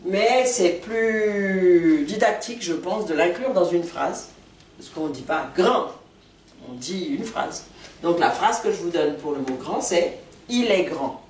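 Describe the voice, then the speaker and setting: Woman teacher, unhurried and patient, recorded far off in an echoey room. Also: lowish voice, expressive, darkish tone. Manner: patient, repeats words carefully for learners. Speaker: language teacher. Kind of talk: slow, deliberate language lesson. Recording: echoey room, far from mic, faint noise.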